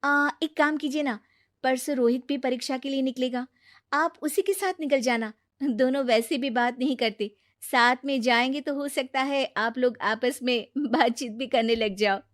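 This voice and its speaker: Young wife and big sister in a cartoon, higher voice, coaxing and a bit scolding, voiced by the narrator. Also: female voice, steady tone, normal speed, no echo, clean studio sound, lightly acted.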